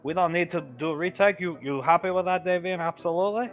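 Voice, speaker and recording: A man's voice: high-pitched, steady tone, fairly quick, faint music behind, voice pushed up, close to an everyday voice. A man voicing an effusive male film director who heaps praise on his actors in clipped, broken grammar. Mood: gushing.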